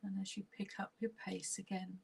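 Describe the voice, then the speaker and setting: A guided relaxation meditation is led by a woman whose husky voice is soft, breathy and close to a whisper. She talks at a medium pitch in a monotone, soothing and unhurried, pausing at length.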